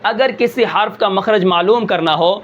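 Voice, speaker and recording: A man teaching a tajweed pronunciation lesson as a Quran recitation teacher. He explains patiently, asks himself questions and checks in with "okay". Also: high voice. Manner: slows and draws out words to demonstrate sounds. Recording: dull, slightly lo-fi sound.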